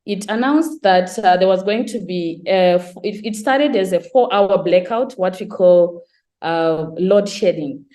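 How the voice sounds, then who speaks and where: A woman's voice: fairly low pitch, a little slow, dark tone. A young woman from Zimbabwe giving a conference talk on her master's research, explaining step by step with some fillers and restarts. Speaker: presenter of her master's thesis. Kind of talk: conference presentation.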